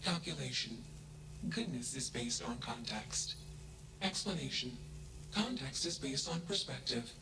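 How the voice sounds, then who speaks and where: An actor voicing a flat, emotionless AI in a video game, speaking in clipped monotone statements that each start with a label word. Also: male voice, mid-range voice, measured pace, gravelly, noisy background. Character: flat emotionless AI, a thinking machine.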